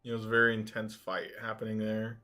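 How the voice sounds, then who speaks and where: A man's voice: fairly low pitch, monotone, fairly quick, sharp tone. A man co-commentating live on a video game match in a casual, reactive way with lots of interjections. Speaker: esports co-commentator.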